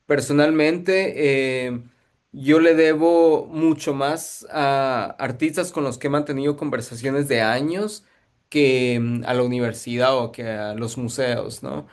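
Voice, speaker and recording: A man's voice: medium pitch, fairly even intonation, a little slow. A man from Guatemala, a museum curator giving thoughtful, searching answers in an interview.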